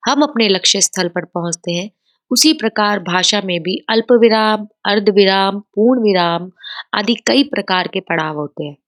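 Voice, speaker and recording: A woman teaching a grammar lesson over slides, explaining patiently and mixing in English words. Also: mid-range voice.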